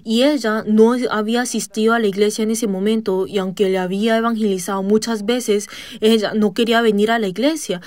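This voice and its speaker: A woman giving a church testimony in a measured storytelling manner, pausing on "ah" fillers and breaking into loud shouted commands. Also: mid-range voice, steady tone, no echo, clean studio sound. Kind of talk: spoken testimony sermon.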